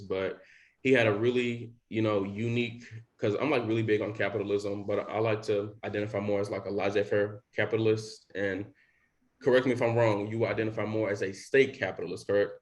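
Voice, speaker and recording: A young man with a lowish, level voice hosts a podcast, talking briskly in a casual, rambling way. His speech is packed with fillers, especially lots of "like" and "you know."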